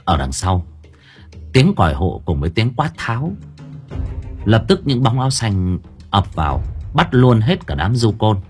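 A man narrating an audiobook story in a lively, colloquial storytelling manner. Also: on the low side, unhurried, pauses often, soft background music.

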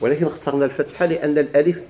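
Mellow-voiced Moroccan man teaching. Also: a little high, steady tone, racing. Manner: asks questions and answers them himself, repeats key points. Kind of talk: Arabic grammar lesson.

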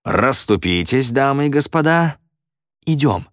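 A man voicing a smug stage magician with a slow, drawn-out, mocking showman delivery in a storybook reading. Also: medium pitch, animated, fairly bright tone, no room sound, clean studio sound, voice pushed up. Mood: showy.

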